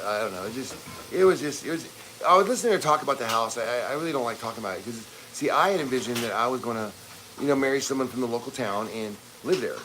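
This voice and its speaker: A man in his fifties co-hosts a livestream from his home kitchen, chatting casually and rambling with lots of restarts. His voice is medium-pitched, and there's noise in the background.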